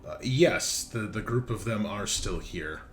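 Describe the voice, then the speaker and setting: Over a headset voice call, a man with a lowish voice and lively intonation runs a tabletop game as game master at a measured pace. He chats casually, often repeating phrases while thinking aloud, with background noise clearly audible.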